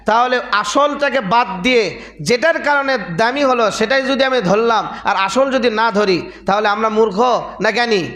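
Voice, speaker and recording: A very high-pitched man delivers a Friday sermon as a mufti. He hammers his points with emphatic repetition and keeps firing rhetorical questions at the congregation. His voice rings through an echoey prayer hall. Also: moderate pace, a bit bright. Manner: emphatic, repetitive preaching cadence. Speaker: mufti preaching.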